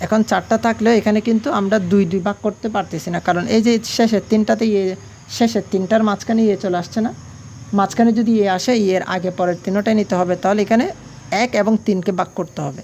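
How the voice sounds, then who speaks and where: A woman's voice: fairly low pitch, darkish tone, a little hiss or hum. A woman teaching an online language class. She patiently spells out letters and vowel marks, and she asks her students questions and then answers them herself.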